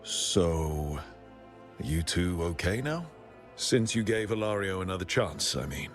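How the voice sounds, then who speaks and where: A male actor voices a calm, curious adventurer leader in a video game who gently teases and speaks in a conversational, questioning way. His voice sits low and moves at a measured pace, with faint music in the background.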